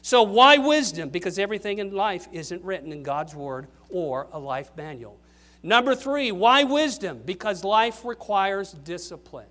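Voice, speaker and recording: An older man, a grandfather, preaching a sermon to young people, punching key questions and then dropping his voice low at the ends of points. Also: very animated, unhurried, sharp tone.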